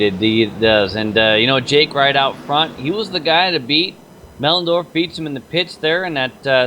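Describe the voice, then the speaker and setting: Mid-pitched male color commentator over noise. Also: sharp tone. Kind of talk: sim racing color commentary.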